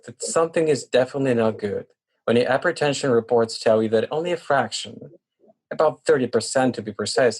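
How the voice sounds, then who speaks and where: A man hosting an interview podcast, measured and asking questions with brief "uh" fillers. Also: mid-range voice, slightly rough. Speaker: podcast host.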